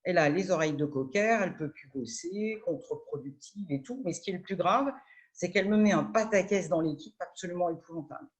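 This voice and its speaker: A woman sharing a management anecdote in a remote meeting discussion, talking in a brisk, assertive way. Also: fairly low pitch, darkish tone. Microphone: video call.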